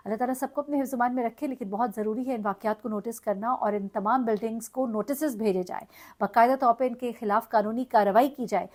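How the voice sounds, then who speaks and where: A woman's voice: a little high, fast, darkish tone. Woman, earnest, grieving, hesitant, news commentary. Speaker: news vlogger.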